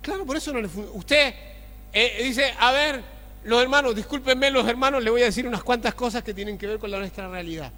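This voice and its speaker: High-voiced pastor preaching in a reverberant hall. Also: male voice, a little fast. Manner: swings between loud exclaiming and low murmured asides, asks the congregation often. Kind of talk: sermon. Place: church sanctuary.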